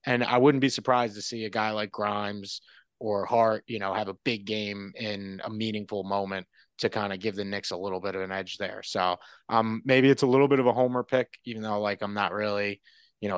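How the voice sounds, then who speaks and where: A guest sportswriter chats casually on a podcast, rambling in a relaxed way and often restarting his sentences. His voice sits fairly low and moves fairly quickly, with a clear, resonant tone. The recording is dry.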